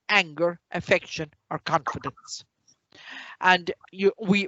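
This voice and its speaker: A woman's voice: low-pitched, no room sound. A middle-aged woman teaching an online class. She reads through her lecture notes and keeps breaking off into rambling personal asides. Her voice comes through a dull, lo-fi and very dry recording. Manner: reads from notes, then adds loose asides with many fillers. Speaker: tutor.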